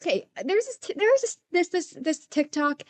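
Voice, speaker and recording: A young woman livestreaming while she draws, telling stories in casual chat, rambling and animated with lots of stammered restarts. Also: very high voice, normal speed.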